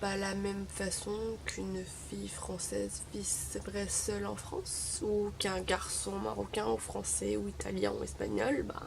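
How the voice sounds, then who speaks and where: This young vlogger from Morocco, whose first language is Arabic, talks to camera in a wry, chatty way with plenty of hesitations. Her mid-range voice is creaky and unhurried, with little pitch movement and few pauses.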